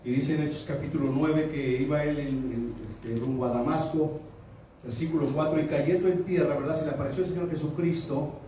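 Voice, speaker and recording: A man preaching a sermon, putting questions to his congregation and rising to loud, emphatic peaks. His voice sits a little high, with a mellow, darker tone. He is heard from a distance in a very echoey hall, with a faint background hiss. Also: steady tone, a little fast. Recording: echoey room from far off.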